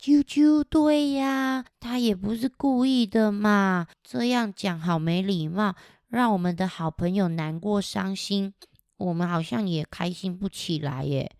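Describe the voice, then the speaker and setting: A woman's voice: mid-range voice, measured pace, a little mellow, no echo, lightly acted. An earnest little bird from a picture book, played by a woman storyteller, chirping between phrases and repeating itself like a caring friend. The sound is dry. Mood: remorseful.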